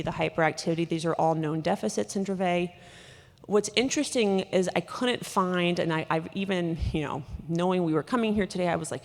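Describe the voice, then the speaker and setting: A woman doctor giving a conference lecture, talking quickly with lots of fillers and restarts, in a large conference hall. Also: fairly low pitch, vocal fry. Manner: rapid, with many fillers and restarts. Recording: hall reverb.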